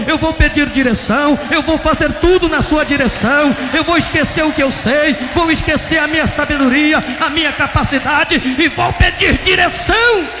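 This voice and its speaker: A Brazilian preacher acting out a desperate pastor who cries and pleads aloud for forgiveness. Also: male voice, high-pitched. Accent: Brazilian Portuguese. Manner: crying, pleading, shouting out. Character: proud male pastor, desperate, begging forgiveness. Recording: echoey hall with long reverb.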